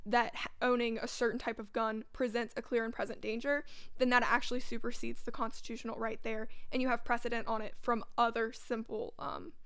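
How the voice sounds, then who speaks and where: A woman's voice: fairly high pitch, flat delivery, fairly quick, a bit bright, clear, resonant tone, no room sound, clean studio sound. A nineteen-year-old college woman in a casual student discussion, speaking hesitantly and hedging her points. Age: about 19. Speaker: student panelist.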